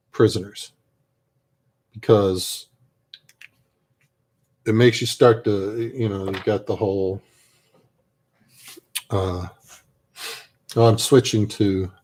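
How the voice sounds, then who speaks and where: A man's voice: fairly low pitch, steady tone, slow pace, long pauses. A man chatting casually and reflectively as he paints miniatures, rambling and trailing off at times. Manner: rambling, soft-spoken, trails off. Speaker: miniature painter and army veteran.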